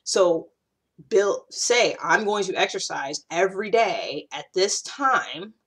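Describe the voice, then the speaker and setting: Her voice sits fairly low and is slightly rough, and she speaks slowly. She's an American YouTube host in her thirties giving self-growth advice in a casual talk to camera, animated and emphatic, restating points to drive them home.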